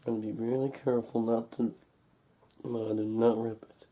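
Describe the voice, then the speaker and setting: The unboxing host, a young man whose voice is slightly congested from a cold, speaks in a mellow medium pitch with little pitch movement. He chats casually and haltingly, muttering to himself over the packaging, recorded indoors by a camcorder mic close above the table.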